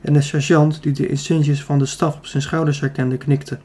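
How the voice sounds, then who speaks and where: A man narrates an adventure story as an audiobook, with steady, even storytelling. His voice sits a little above the usual male range. It has a warm, mellow tone. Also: on the high side, normal speed, breathy edge. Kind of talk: scripted narration.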